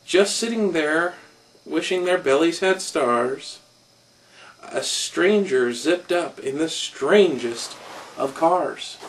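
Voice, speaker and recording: A man slowly reading a rhyming children's story aloud in a rhythmic way, a little off-mic. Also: fairly high pitch, lively intonation, distant mic, a little hiss or hum. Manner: slow, rhythmic rhyme reading.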